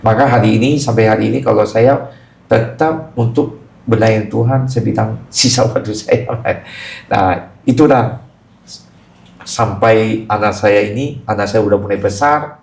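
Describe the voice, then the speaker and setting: Gravelly middle-aged man giving testimony. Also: on the low side, normal speed, darkish tone. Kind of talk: casual testimony in podcast. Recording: echoey room.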